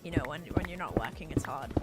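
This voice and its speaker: This one has a deep voice and a quick pace, buried in heavy background noise. She's a young, slightly congested Australian woman casually streaming live and reading chat aloud in a meandering way, with music running beneath.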